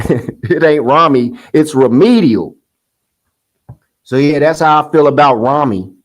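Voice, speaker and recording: A man's voice: fairly high pitch, lively intonation, unhurried, rough recording. A man hosting a casual commentary monologue, heated and scoffing, rambling with restarts. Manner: sing-song mocking quotes. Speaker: commentary host.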